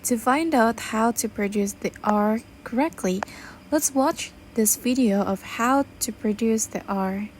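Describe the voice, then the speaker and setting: A woman's voice: a little high, a little slow, darkish tone, slight background noise. A woman giving a class presentation on pronunciation, explaining step by step and introducing each sound with examples.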